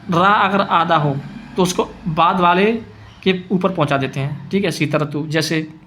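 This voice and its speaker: A man's voice: on the high side, a bit bright. A man teaching a grammar lesson, patiently repeating each word and answering his own questions.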